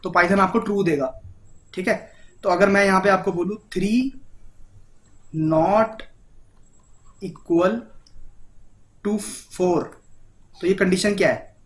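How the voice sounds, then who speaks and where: A man's voice: high-pitched, fairly even intonation, slow pace, long pauses, fairly bright tone. A man with an Indian accent teaching a programming lesson in a casual, chatty way, often checking in with his listener and mixing English terms into his talk. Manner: repeats "ठीक है?" and mixes English terms into Hindi. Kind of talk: casual Hindi coding lesson.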